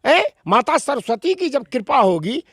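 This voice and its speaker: A man holds forth in an interview, unhurried and preacherly, and often checks in with rhetorical questions. His voice sits high for a man. The sound is close and dry. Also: big pitch swings, fairly bright tone, husky, no echo. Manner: preacherly, emphatic, with rhetorical questions and quoted verses. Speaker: interviewee, scripture expounder. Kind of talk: explanatory interview answers.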